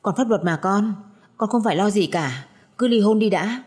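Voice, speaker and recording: A woman voicing a calm, protective middle-aged mother in a spoken audio story, soothing yet firm. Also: mid-range voice, normal speed, breathy edge.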